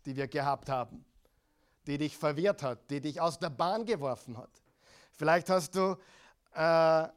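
A middle-aged man preaching a sermon at a slow, deliberate pace. His voice sits somewhat high for a man. He swings from loud declarations to hushed, intimate asides and puts pointed questions straight to his listeners. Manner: preaching with dramatic swings between loud and quiet; speaks directly to listeners with questions. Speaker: pastor.

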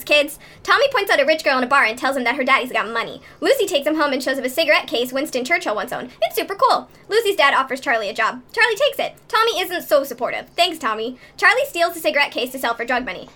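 A woman podcast co-host reading a quick episode recap with snarky, playful asides. Her voice is sped up so it sounds like a chipmunk. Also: high voice, bright, forceful tone.

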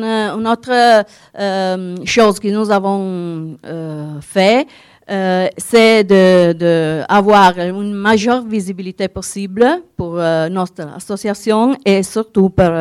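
With a mid-range, smooth and slightly mellow voice, a woman speaking for a winegrowers' association delivers a conference presentation in French, her second language. A noticeable Italian accent colors her slow, halting search for words, and the recording is close, clear and dry, free of echo.

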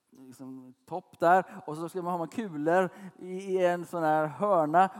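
Brief: male preacher in his thirties, conversational sermon, higher-pitched voice, long hall reverb. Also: a little mellow. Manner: chatty, asks listeners questions.

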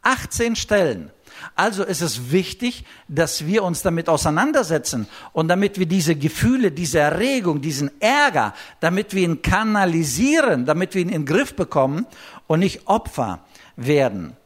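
A man with a high voice giving a sermon. He talks to the congregation in a casual, conversational way, tossing in quick tag questions, and his phrases often trail off into a low murmur. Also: sing-song. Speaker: preacher.

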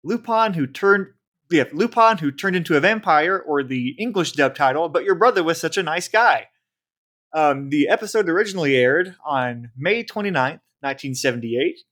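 A man's voice: fairly high pitch, expressive, normal speed, a bit bright. A man hosting a podcast, chatting casually and reading episode credits with little stumbles and frequent laughs. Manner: laughs often, reads credits with small stumbles. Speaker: podcast host.

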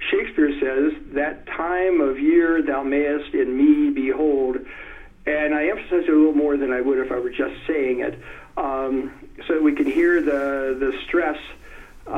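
Thoughtful man on a tinny phone line. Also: on the high side. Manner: thoughtful, hesitant with many ums, recites verse slowly with stress. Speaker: poetry expert guest. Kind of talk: conversational interview.

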